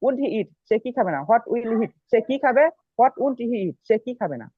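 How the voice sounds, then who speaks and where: Man, high voice, student reciting drills, polite, thin phone-like call sound, dry. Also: lively intonation, moderate pace, breathy edge, no room sound. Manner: polite, recites each line then its translation. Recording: tinny dry call audio.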